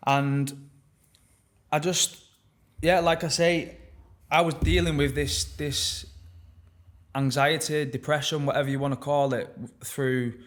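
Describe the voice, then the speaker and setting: A young man talking openly and reflectively as a podcast guest, halting often and swearing casually. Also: a little high, flat delivery. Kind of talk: candid personal conversation.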